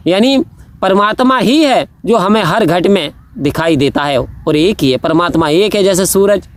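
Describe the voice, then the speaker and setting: A man preaching a devotional sermon, telling stories and reciting verse lines in a rising and falling, impassioned delivery. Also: high voice.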